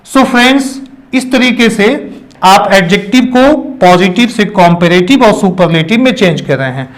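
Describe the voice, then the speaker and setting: High-voiced man teaching English grammar. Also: animated, normal speed. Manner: spells words out letter by letter, mixes Hindi and English; repeats phrases and says "okay" often. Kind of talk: classroom-style explanation.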